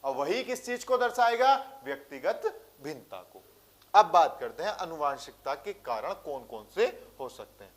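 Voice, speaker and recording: A man's voice: a little high, very animated, moderate pace. A male teacher with a rural Hindi way of speaking, giving an exam-prep lecture and answering his own rhetorical questions. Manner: speaks with a village-style way of talking.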